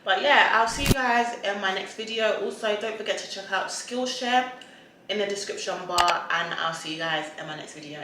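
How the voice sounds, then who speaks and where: A woman's voice: mid-range voice, moderate pace, very noisy. A woman vlogger chatting casually while eating, rambling with lots of fillers. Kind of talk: casual chat mukbang. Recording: very echoey room.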